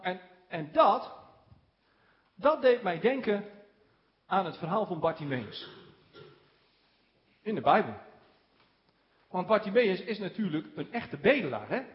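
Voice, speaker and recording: A man preaching a sermon, slowing down on key words for emphasis and chuckling now and then. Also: high voice. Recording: dull lo-fi recording.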